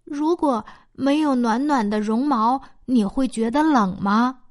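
A woman's voice: on the high side, measured pace, close to an everyday voice. A woman voicing a nosy, curious little male piglet who asks eager questions in a storybook tale.

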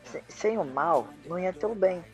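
A man's voice: sits high, animated, moderate pace, soft background music. A young man joking and teasing during a casual gaming chat. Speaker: guest.

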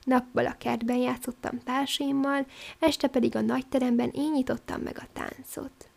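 A woman voicing a gentle, sorrowful male prince statue who speaks slowly and mournfully. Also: high voice, steady tone, vocal fry, exaggerated voice. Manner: slow and mournful.

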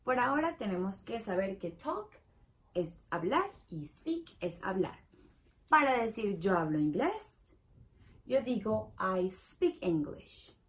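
A woman teaching a basic English lesson in Spanish, patiently repeating each example and checking in with the viewer. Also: medium pitch. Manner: says the English model sentences extra slowly.

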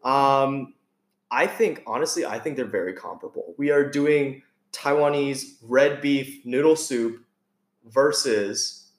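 A man hosts a relaxed food podcast, chatting easily and asking his guest curious questions. His voice sits in a mid range and rings with a noticeable roomy echo. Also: medium pitch, takes it slowly. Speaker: podcast host. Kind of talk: casual chat.

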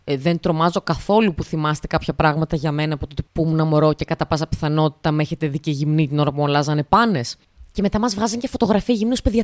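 Chatty young woman podcasting, low dry voice. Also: dry recording. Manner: chatty, rambling and sarcastic, with put-on voices for quotes. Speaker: podcast host. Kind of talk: casual solo podcast monologue.

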